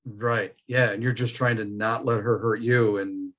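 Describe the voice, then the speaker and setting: Slow-talking male podcast host. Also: fairly low pitch, steady tone, fairly bright tone. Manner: short affirming interjections. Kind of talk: casual interview chat.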